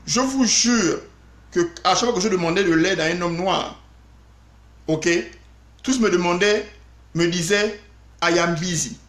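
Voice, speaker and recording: High-voiced man telling a story live. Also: a little slow, pauses often, reverberant. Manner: animated, addresses viewers directly. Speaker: live streamer.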